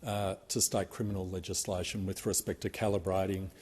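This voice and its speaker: An Australian man raises a formal point of order in parliament. His voice is lowish and husky, his phrasing legalistic. It carries a long chamber reverb. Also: little pitch movement, fairly quick, a little mellow. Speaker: senator raising point of order. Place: large indoor parliamentary chamber.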